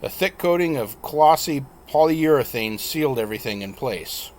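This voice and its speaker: Narrating his own novel for an audiobook, a man reads plainly without hurry and fixes the occasional slip. His medium-pitched voice has a darkish tone and lively intonation.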